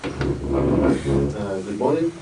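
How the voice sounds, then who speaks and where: Deep, formal male official, distant noisy mic. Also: sing-song, very slow. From Ukraine. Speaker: deputy department head. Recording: distant mic with background noise.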